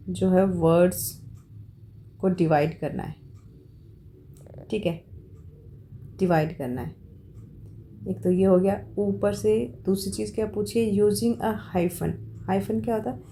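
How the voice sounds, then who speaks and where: Woman tutor, slow unhurried explaining, mellow tone, faint background hiss. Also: mid-range voice. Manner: explains slowly, mixing Hindi with English read-outs, many fillers. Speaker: exam tutor. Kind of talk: informal exam-prep lesson.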